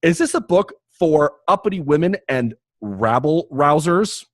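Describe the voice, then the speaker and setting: Male podcast host, animated delivery, joking and rambling, dry close sound. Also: fairly high pitch, measured pace, dry recording. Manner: jokey, rambling, many restarts. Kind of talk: casual podcast chat and promo read.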